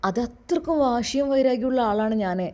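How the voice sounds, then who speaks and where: A woman voicing a young man, a former thug who now speaks in an earnest, halting, questioning way. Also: on the high side, lively intonation, mellow, natural voice. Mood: confessional.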